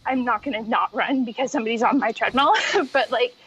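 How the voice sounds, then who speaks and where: A woman chatting casually as a podcast guest, in halting phrases with a giggly manner, on slightly lo-fi audio. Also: fairly high pitch, fairly bright tone, breathy edge. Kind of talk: casual chat.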